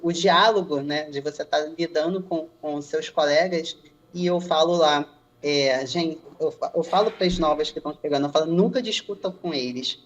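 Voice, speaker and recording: A woman's voice: low voice, moderate pace. A woman with a Brazilian Portuguese accent, a stevedore telling her experiences in a casual podcast interview and acting out the remarks she quotes. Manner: animated storyteller who acts out quoted remarks. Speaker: stevedore guest. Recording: slightly dull lo-fi sound.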